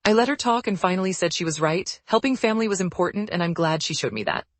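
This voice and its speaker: A woman narrating forum posts aloud in a brisk, even storytelling read. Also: fairly low pitch, dry recording.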